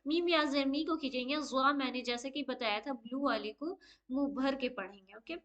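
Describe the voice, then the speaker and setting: A woman's voice: sits high, fairly bright tone, muffled recording. A woman teaching an online lesson on Quran recitation rules, explaining each step patiently and often saying okay. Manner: slow drawn-out chanted Arabic recitation.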